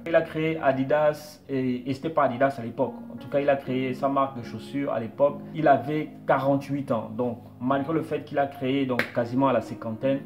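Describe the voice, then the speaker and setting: A man talks through business advice in an explanatory, repetitive way, circling back to each point. His voice sits at an ordinary middle pitch. Faint guitar music plays underneath. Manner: explanatory, repeats points with "donc". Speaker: business coach. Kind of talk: motivational talk to camera.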